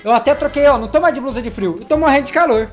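Fast-talking excitable gamer. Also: male voice, extremely high pitch, soft background music. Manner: excitable, jumpy, talks straight to viewers. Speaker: gaming vlogger. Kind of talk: let's-play commentary.

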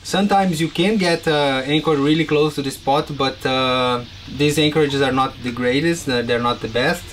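Laid-back sailor guy, talking in his boat cabin, voice a bit high, faint hiss. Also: normal speed. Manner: relaxed, rambling with fillers. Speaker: sailing vlogger. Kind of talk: casual chat. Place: inside a sailboat cabin.

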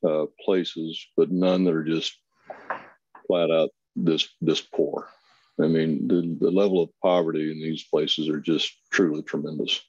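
A volunteer consultant from Kansas, US, presents on a webinar over a video call, speaking plainly with many pauses and fillers. His low, gravelly voice has a darkish tone with no echo, and the audio is dull and lo-fi.

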